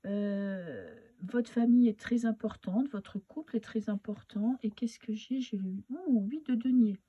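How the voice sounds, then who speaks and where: A woman giving a casual tarot reading in a halting, advising way, her voice weak and husky from swollen tonsils. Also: on the high side, expressive, muffled recording. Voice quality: husky, not very powerful. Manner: hesitant, halting, advising listener directly. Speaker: tarot reader and medium.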